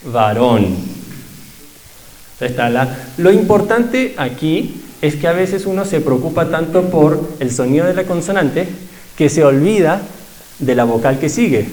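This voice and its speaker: A man leading a pronunciation workshop, patiently explaining sounds and repeating them slowly for his class. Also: a little high, darkish tone, rough recording. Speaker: language teacher.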